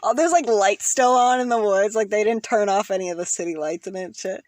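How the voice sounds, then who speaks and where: A woman's voice: mid-range voice, brisk, darkish tone, no echo, studio quality. A woman co-hosting a podcast in casual, crude chat, laughing often. She is from Canada and her throat is tickling. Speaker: podcast co-host.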